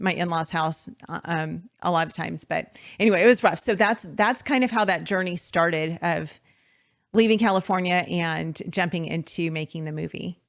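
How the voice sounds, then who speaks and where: A woman in her forties speaks as a podcast guest, with a somewhat low voice. She tells her story earnestly, pausing often on fillers and restarting her sentences. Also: a bit bright. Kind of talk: faith-based podcast interview.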